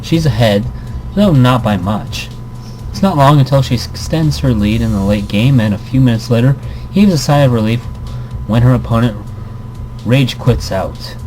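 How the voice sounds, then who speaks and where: A let's player reads a visual novel aloud in a mellow, medium-pitched male voice at a moderate pace, rambling, cutting himself off, and tossing in playful asides as casual commentary. The recording is low quality, with background noise behind him.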